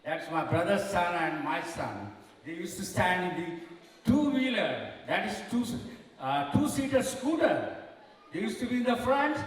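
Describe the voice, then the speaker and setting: A middle-aged man from India, fondly telling family stories with frequent laughs in a wedding speech. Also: high-pitched. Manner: fond storytelling, laughing often. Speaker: uncle of the bride giving a speech. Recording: echoey banquet hall, mic far off.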